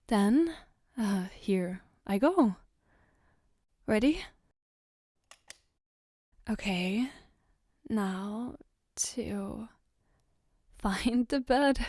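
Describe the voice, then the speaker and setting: In an intimate ASMR roleplay spoken to the listener, a woman plays a caring young girlfriend. Her fairly high voice moves very slowly, with gentle, hesitant phrasing as she reassures her partner. The recording is dry and close.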